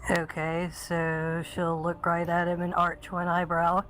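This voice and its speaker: A woman playing a tabletop role-playing game, describing her character's actions in a slow, deliberate way. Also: fairly low pitch, completely flat delivery, fairly bright tone, rough recording. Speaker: player.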